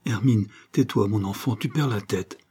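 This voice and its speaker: A man reading the part of a kindly, cautious aristocratic grandmother in an audiobook of a novel, speaking in a gentle, measured way. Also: lowish voice, breathy edge. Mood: reproving. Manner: gentle, measured, mildly reproving.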